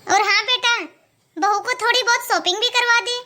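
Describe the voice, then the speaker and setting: A woman's voice: very high-pitched, moderate pace, bright, forceful tone. A woman voicing a bossy, nagging mother-in-law in a cartoon, scolding and coaxing by turns. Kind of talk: cartoon voice acting.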